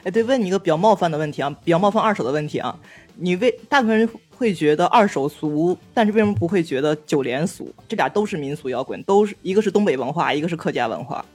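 High-pitched husky man talking fast. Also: expressive, a little mellow, faint music behind. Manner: opinionated, blunt. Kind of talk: casual chat.

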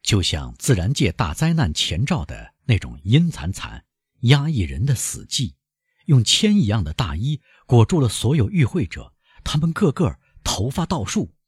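A man narrating an audiobook in a dramatic, expressive reading. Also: medium pitch, normal speed, slightly rough, no echo, studio quality.

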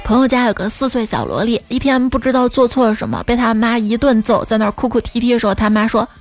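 A woman's voice: on the high side, fairly even intonation, fast, soft background music. A woman host telling comic stories, playful and laughing often as she acts out the people in them. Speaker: podcast host. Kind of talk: comedic joke storytelling.

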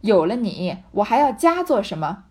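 A woman voicing a drunk, fawning, boorish young man who coaxes loudly. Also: medium pitch, sing-song, moderate pace, husky. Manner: loud wheedling coaxing.

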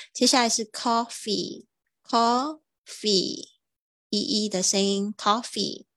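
A woman teaching English vocabulary in a livestream, drawing out model words slowly between quick explanations. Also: medium pitch, creaky, no room sound.

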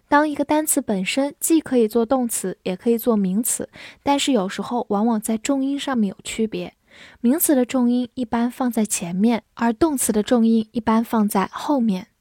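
A woman teaching English vocabulary, spelling words letter by letter and reading example sentences slowly. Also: a little high, darkish tone, dry recording, studio quality. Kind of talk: vocabulary lesson.

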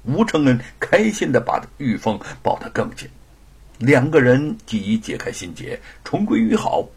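A man narrating a story as an audiobook, with an expressive storyteller delivery. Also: mid-range voice, moderate pace, breathy edge.

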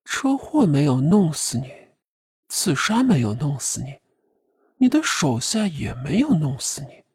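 A woman's voice: sits low, very animated, a little slow, darkish tone, slightly rough, dry recording, exaggerated voice. A woman voicing a sinister clown puppet assassin with a distorted, eerie voice, taunting and giggling. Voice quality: distorted, eerie, ugly processed voice. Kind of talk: audiobook drama voice.

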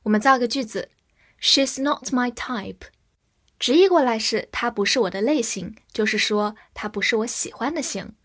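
A woman teaching English vocabulary who spells each word letter by letter and reads the example sentences slowly. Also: fairly high pitch, breathy edge. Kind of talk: vocabulary lesson.

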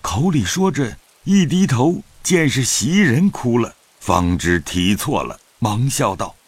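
A man narrating a classic novel in an audio drama, in an expressive storytelling manner. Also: medium pitch, slow, slightly rough, dry recording.

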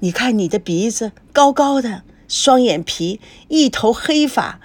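A woman's voice: on the high side, animated, measured pace. A woman reading an audiobook, voicing an eager, fond elderly grandmother.

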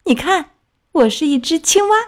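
Brief: woman doing a proud, mysterious little storybook frog, slow and lilting. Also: on the low side, very animated, breathy edge, exaggerated voice. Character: boastful young frog, once a tadpole.

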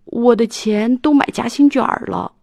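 A woman's voice: on the high side, moderate pace, vocal fry, darkish tone, no room sound, clean studio sound, voice pushed up. A woman voicing a hungry, fretful little boy in a children's storybook reading, whiny and exclaiming.

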